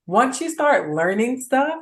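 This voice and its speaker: A woman's voice: fairly high pitch, sing-song, measured pace. A young woman talking as a guest in a casual interview, easygoing and a little modest. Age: young adult.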